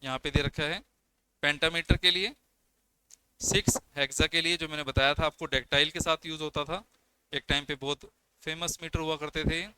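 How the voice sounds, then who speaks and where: A man's voice: on the high side, steady tone, normal speed, bright, forceful tone, smooth, low-quality recording. A young man teaching an exam-prep class on poetry, explaining step by step and counting syllables aloud, with as his on terms. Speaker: English lecturer. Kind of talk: exam coaching lecture.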